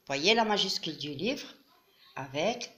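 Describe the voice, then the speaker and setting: A woman explaining a classroom craft step by step, patient and methodical, with frequent pauses and fillers. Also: fairly low pitch, lively intonation, sharp tone. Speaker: teacher.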